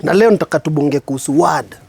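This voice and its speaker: A man with a Kenyan accent, a spoken word artist hosting his show, giving a preachy, reflective monologue with slow, emphatic stresses. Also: on the high side, gravelly, darkish tone, husky, no room sound.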